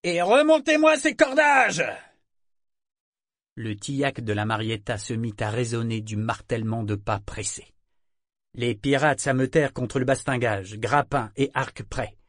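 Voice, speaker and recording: A man narrating an adventure novel in measured storytelling. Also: mid-range voice, fairly even intonation, no echo, studio quality. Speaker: audiobook narrator. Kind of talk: scripted narration.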